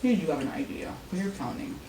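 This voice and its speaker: A woman's voice: low-pitched, big pitch swings, fast, background noise. A woman vlogger chatting casually and teasing her partner during an eating challenge. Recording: echoey room, mic at a distance.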